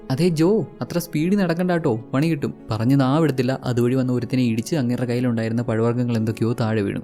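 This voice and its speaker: Fast-talking mellow male storyteller. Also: medium pitch. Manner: chatty, wry asides. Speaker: film recap narrator. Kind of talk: casual storytelling narration.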